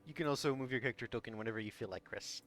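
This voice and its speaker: A man's voice: medium pitch, very fast, a bit bright. A man narrating a tabletop game as game master, explaining things to the players. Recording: music under the voice.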